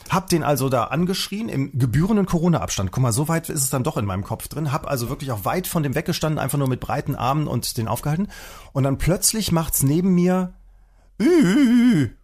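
A man telling a personal story in casual chat, animated, acting out the people he quotes. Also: fairly high pitch, slightly rough.

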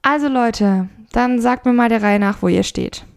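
A woman voicing a stressed male project manager who talks in a brisk, hurried way. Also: fairly high pitch, vocal fry, clean tone.

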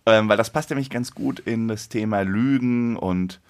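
Co-hosting a casual podcast chat, a man in his thirties laughs easily and explains things as he goes. He speaks at a moderate pace in a lowish, slightly mellow voice.

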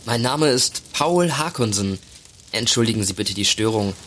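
Radio play: young actor as eager, courteous student journalist, low-ish pitch, a bit unsure. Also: male voice, lively intonation, moderate pace, fairly bright tone, slight background noise. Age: young adult. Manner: polite, hesitant.

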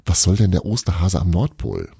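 A man's voice: sits low, huge pitch swings, brisk, gravelly, warm tone, breathy edge, no echo, studio quality, heavily acted. A man reading a storybook aloud, voicing a cheeky girl who insists on her wild tales in a playful, teasing manner. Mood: insistent.

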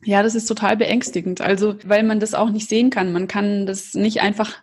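A woman's voice: mid-range voice, steady tone, brisk, husky. A woman talking in an earnest, explanatory way, with frequent fillers, in a casual conversation.

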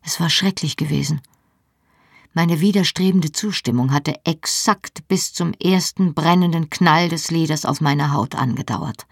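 A woman reading a first-person novel aloud in a measured, calm way. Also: sits low, gravelly, husky, no echo, studio quality. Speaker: audiobook narrator.

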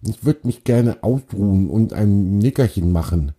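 Man voicing a friendly storybook beaver, cheerful and kindly, dark mellow voice, husky. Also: fairly low pitch, animated, measured pace.

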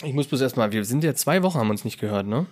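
A man's voice: medium pitch, lively intonation, rapid-fire, a little mellow. A man co-hosting a casual podcast from home, joking and laughing often. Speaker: podcast co-host. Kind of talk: casual chat. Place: warm room at home with a fan. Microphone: home microphone.

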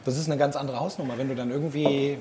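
A man, a podcast co-host, chiming in with quick remarks in casual chat. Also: medium pitch, steady tone, mellow.

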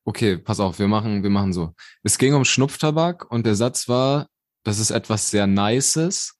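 A man's voice: lowish voice, lively intonation, normal speed, no echo, studio quality. A young man co-hosting a casual podcast chat, talking in a slangy, rambling way full of swearing. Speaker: podcast co-host.

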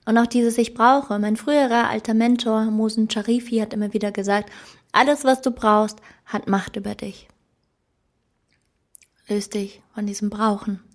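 Earnest higher-voiced woman coach. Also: steady tone, normal speed. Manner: earnest, emphatic, laughs at own slips. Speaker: life coach. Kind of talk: motivational self-help monologue.

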